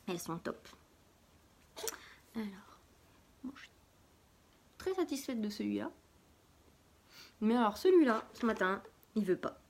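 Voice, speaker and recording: High-voiced woman chatting through a makeup tutorial. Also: creaky, slight background noise. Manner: chatty, talks while applying makeup, drops to a soft murmur when concentrating; restarts and fillers, self-mocking asides. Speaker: makeup live-stream host. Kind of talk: casual makeup tutorial chat.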